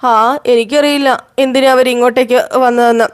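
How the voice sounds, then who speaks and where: A woman's voice: on the high side, fairly even intonation, fairly quick, close to an everyday voice. A woman voicing a flustered young wife. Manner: flustered, naive.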